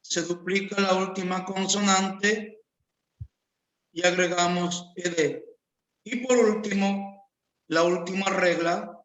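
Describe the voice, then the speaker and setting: A man with as his teaches a grammar lesson, drawing out each word and repeating examples. His voice sits high and sounds bright. He speaks very slowly in a roomy, echoing space. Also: steady tone. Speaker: English teacher. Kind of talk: slow classroom grammar lesson.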